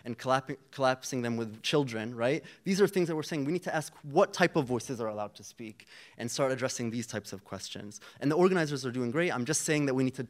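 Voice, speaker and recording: A man's voice: medium pitch, animated, brisk, few pauses. Young palestinian guy on a panel, earnest and rallying, lots of ums and restarts. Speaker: student activist panelist. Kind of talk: panel speech.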